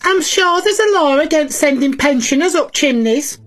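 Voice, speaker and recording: Chatty old granny as a woman's character, high-pitched, homely. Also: lively intonation, normal speed. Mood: cheery. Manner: chatty, cheeky, talks to children at home. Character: chatty elderly granny cleaner, cheeky and homely. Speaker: children's show presenter in character.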